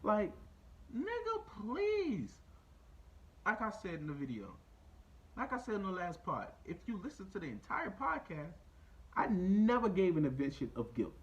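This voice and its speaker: Male podcast host, casual rant, swearing a lot, lively pitch that leaps up, repeats himself. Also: moderate pace, highs cut off. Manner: animated, profane, repeats points, voice jumps high when incredulous.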